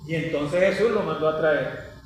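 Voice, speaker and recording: A man retells scripture as a story in a relaxed teaching chat, often turning to his co-host for agreement. His voice sits high for a man. The sound is very echoey and a little distant, with a faint hiss behind it. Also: moderate pace. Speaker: Bible study host. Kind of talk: conversational Bible teaching.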